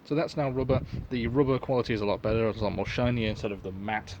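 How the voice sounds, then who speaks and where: A man's voice: on the low side, steady tone, quick pace, muffled recording, background noise. A man giving a casual, unscripted product review in a rambling, offhand, sweary way. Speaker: collector and reseller reviewing gas masks.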